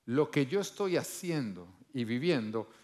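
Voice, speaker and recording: A male pastor delivering a sermon, emphatic, swinging from loud bursts to low, quiet lines and acting out the voices he quotes. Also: lively intonation, a little slow. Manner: acts out quoted voices in his preaching.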